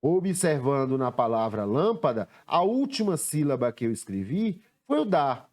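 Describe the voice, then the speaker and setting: A male teacher with a Brazilian Portuguese accent giving a recorded lesson, slowly sounding out words and stressing syllables. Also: mid-range voice, big pitch swings, a little mellow.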